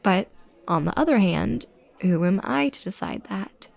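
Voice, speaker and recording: An actress voices a bashful, adorkable young woman in an intimate roleplay audio drama. Her voice is mid-pitched with plenty of vocal fry. She takes her time, rambling softly and second-guessing herself in a sweetly self-conscious way. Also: expressive, measured pace, exaggerated voice. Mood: earnest, rambling. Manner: hesitant, self-conscious, soft-spoken rambling. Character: shy, adorkable young female stranger, awkwardly sweet overthinker.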